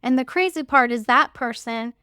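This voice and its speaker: A woman's voice: sits high, moderate pace, sharp tone, clear, resonant tone, dry recording, studio quality. A woman, a hair and makeup artist, telling a candid story about standing up for herself on set, frank and emphatic in her delivery. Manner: frank and emphatic, speeds up when recounting events. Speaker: hair and makeup artist sharing career advice.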